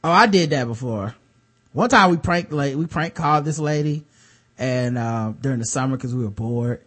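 A podcast host with a light, fairly bright voice reads news stories aloud at normal speed and medium pitch. Between the read-out passages, he breaks off to make wry, sarcastic comments.

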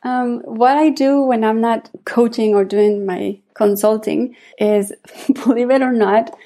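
A woman from Mexico who grew up speaking Spanish, a coach and consultant chatting as a podcast guest, warm and chatty with frequent laughs. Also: on the high side, fairly even intonation, a little slow. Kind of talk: casual interview chat.

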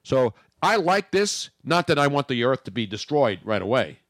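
Male sports radio host, brash and joking, lively swings in pitch, dry close studio sound. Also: moderate pace, no room sound. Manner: brash, joking, animated rants. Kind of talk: casual sports radio banter.

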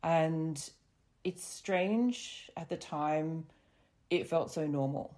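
Woman, disguised deep voice, very low pitch, mellow dark tone, thoughtful. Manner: reflective, measured, with small restarts. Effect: voice altered to sound deeper for anonymity. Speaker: guest sharing lived experience. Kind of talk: candid podcast conversation. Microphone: remote recording over a call.

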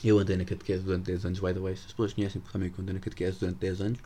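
A man's voice: low voice, little pitch movement, very fast, warm tone. Teen guy, european portuguese accent, jokey rambling solo podcast, english slang thrown in. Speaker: podcast host. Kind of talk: casual solo podcast monologue.

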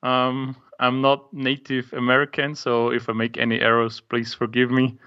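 A man's voice: mid-range voice, monotone, normal speed, sharp tone, smooth. Young austrian guy calling in from home, lots of ums, kinda dull lo-fi sound. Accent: Austrian German. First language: German. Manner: hesitant, many ums. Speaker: guest, app maker. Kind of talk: casual interview. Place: home office. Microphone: remote call.

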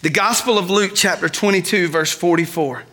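A man preaching a sermon, shifting between quiet, drawn-out lines and loud cries. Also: high-pitched. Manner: dynamic, swings from soft to loud. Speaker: pastor.

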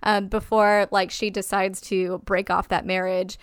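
Animated woman, smooth clear voice. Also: mid-range voice, measured pace, no echo, studio quality. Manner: animated, quotes characters in mocking voices, swears freely. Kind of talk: casual film discussion.

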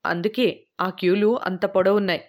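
A woman's voice: mid-range voice, steady tone, moderate pace, natural voice. A woman reading a chatty man who explains everyday life abroad in a matter-of-fact way, as in an audiobook.

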